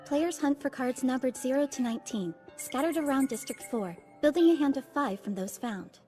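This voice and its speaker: A young maid in an anime dub. Her voice is a little high yet soft-edged and mellow. She is polite, formal and deadpan, with faint music behind. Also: normal speed. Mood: explanatory.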